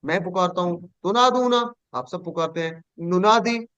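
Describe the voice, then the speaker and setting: A man teaching Quranic Arabic in an online class, patiently saying each verb form slowly and having students repeat it after him. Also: high voice, a bit bright, clean tone, dry recording, highs cut off.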